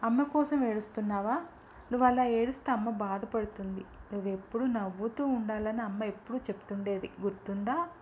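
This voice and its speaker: Woman reading a father, gentle coaxing tone, middle pitch, storybook audio. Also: a little fast, a little hiss or hum, lightly acted. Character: loving but harried father, adult man.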